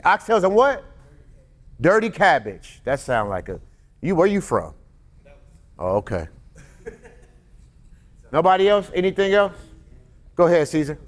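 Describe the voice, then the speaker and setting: Higher-voiced man preaching casually to a congregation. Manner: conversational, joking with the congregation, reads scripture slowly. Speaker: teacher. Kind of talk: casual sermon.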